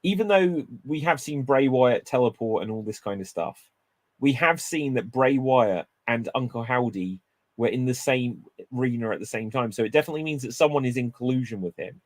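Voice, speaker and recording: A man with a mid-range voice chats in a lively, animated way, building up playful theories as he goes. The recording is dry and close-miked. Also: medium pitch, brisk, no echo. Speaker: wrestling show co-host. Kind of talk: casual chat.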